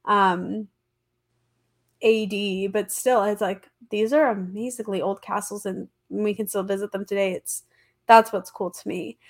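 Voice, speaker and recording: A woman with a congested, stuffy nose from allergies, telling history as a podcast host in a casual, slangy, emphatic way. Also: medium pitch. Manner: chatty, informal, slangy and emphatic. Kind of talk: casual conversational history storytelling.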